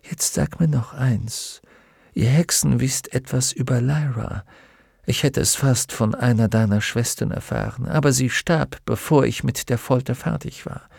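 An icy, fanatical woman questions her captive in a commanding tone, as a man voices her. The delivery is slow and deliberate, with a gravelly edge. The sound is close and dry. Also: medium pitch, a little mellow, no echo. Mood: menacing. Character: cold, cruel woman interrogator, fanatical.

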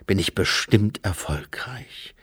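A gruff old sweeper monk, as a man puts him on, murmuring low and close. He slips into a hushed half-whisper and takes his time. The sound is dry, as in a storybook reading. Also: lively intonation, takes it slowly, dry recording, heavily acted.

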